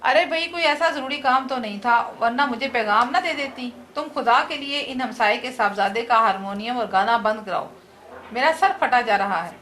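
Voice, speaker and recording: A woman's voice: a little high, moderate pace, fairly bright tone, a little hiss or hum, close to an everyday voice. A woman reading aloud the lines of an irritable, sick middle-aged husband who groans and complains. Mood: peevish.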